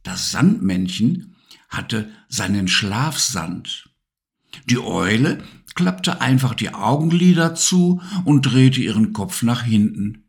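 A man narrating a children's bedtime story with a calm, slow delivery. His voice rises and falls a lot as he tells it. He sounds like a gentle, practiced storyteller. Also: medium pitch, vocal fry.

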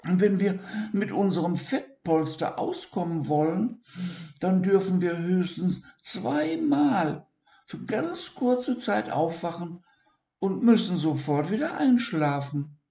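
A man's voice: high-pitched, animated, takes it slowly, gravelly, warm tone, voice pushed up, exaggerated voice. A man doing a timid little dormouse. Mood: sad. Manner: sniffling, stammering. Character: small timid male dormouse, anxious and hopeful. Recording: roomy echo.

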